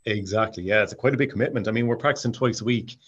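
A man's voice: on the low side, racing, fairly bright tone, breathy edge, lo-fi sound. A man with a west of Ireland accent from Mayo, chatting casually as an interview guest about his hobby. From County Mayo, west of Ireland. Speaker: amateur drama society actor, interview guest.

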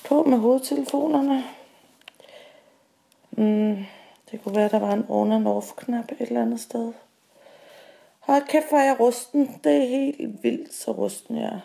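A middle-aged woman from Denmark with a dark, raspy voice and a crackle of fry. She talks in a self-mocking, hesitant way, full of fillers. She records a personal diary at home on a handheld mic that pops. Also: on the high side. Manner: slow, reflective voice-over narration. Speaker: podcast host. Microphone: handheld mic that pops on P sounds.

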